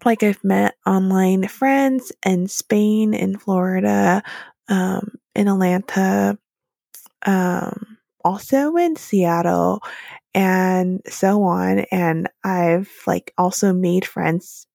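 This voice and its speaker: A woman in her late twenties hosts a solo podcast, talking candidly and reflectively in a chatty way full of "like" and "um." Her medium-pitched voice is very slow, creaky and dark. The studio-quality recording has no echo.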